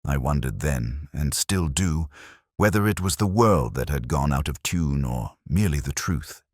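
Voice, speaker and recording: In a scripted audio mystery drama, a weary police inspector narrates his case in the first person, using measured, literary phrasing with a brooding, reflective air. His voice is very low and heavily acted, with lively, wide-ranging pitch. The recording is dry, close, and echo-free.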